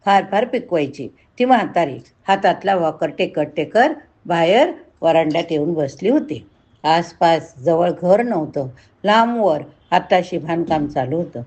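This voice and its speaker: A woman narrating a story in a measured, expressive storytelling voice. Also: on the low side, slightly rough. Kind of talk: dramatic story reading.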